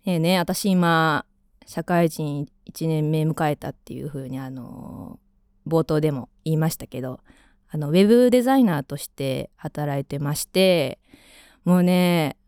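A woman's voice: sits low, measured pace, a little mellow, clean tone, no room sound, studio quality. A woman in her twenties with a Kansai accent, hosting a radio show in casual, rambling chat full of fillers. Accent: Kansai Japanese. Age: 20s. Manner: chatty, rambling, with frequent fillers. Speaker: radio host.

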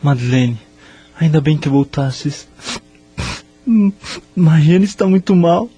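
A bitter, jealous suitor in a period radio melodrama. His voice sits a little high, and his delivery is formal and theatrical. A faint hum lies behind it. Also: slow. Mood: worried. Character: jealous, bitter male suitor in old France. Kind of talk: melodramatic radio drama acting.

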